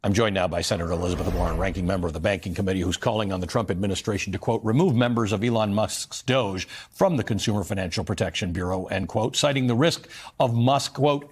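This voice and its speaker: A man's voice: on the low side, breathy edge. A man anchoring a news program, introducing a guest and starting an interview.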